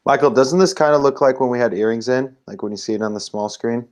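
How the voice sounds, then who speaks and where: A man's voice: mid-range voice, fast, a little mellow, a little hiss or hum. A young man chatting as a guest on a casual hangout, rambling and hesitant with lots of fillers. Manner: rambling, hesitant, self-conscious.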